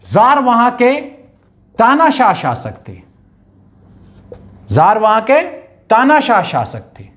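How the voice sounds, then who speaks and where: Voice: medium pitch, huge pitch swings, slow pace, long pauses, fairly bright tone. A teacher giving an exam-prep lecture to students, asking rhetorical questions, answering them, and repeating key points to memorize.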